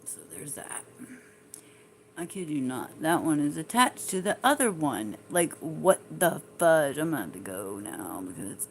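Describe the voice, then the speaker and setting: Gravelly, rambling woman livestreamer. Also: deep voice, sing-song, measured pace, a little hiss or hum. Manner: rambling and profane, talking to viewers and reading their comments. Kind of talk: casual livestream chat.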